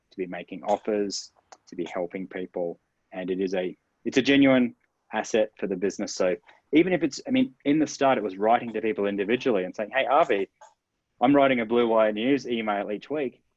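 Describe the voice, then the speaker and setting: A man's voice: fairly low pitch, normal speed, a little mellow, breathy edge, dry recording. A man answering interview questions as a marketing expert, explaining step by step in an upbeat way and stressing key words. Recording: dull, dry lo-fi sound.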